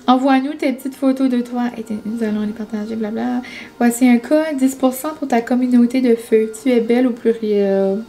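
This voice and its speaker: Chatty young Québécoise vlogger. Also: female voice, on the high side, fairly even intonation, moderate pace, warm tone. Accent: Québécois French. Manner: chatty, lots of fillers like genre and comme. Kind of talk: casual vlog chat.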